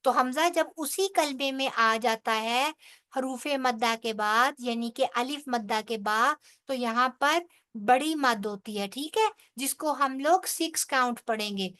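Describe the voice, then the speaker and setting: High-voiced woman teaching Quran recitation. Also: fairly bright tone. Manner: explains rules step by step, then recites words slowly and drawn out; checks in with frequent "theek hai". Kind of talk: tajweed lesson with slow recitation.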